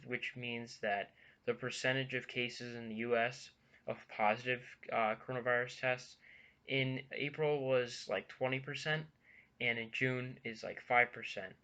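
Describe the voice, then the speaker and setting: A young man giving casual news commentary in a vlog, halting and earnest, with many ums and restarts, a bit out of breath. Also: medium pitch, pushed and bright, poor audio. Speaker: vlogger.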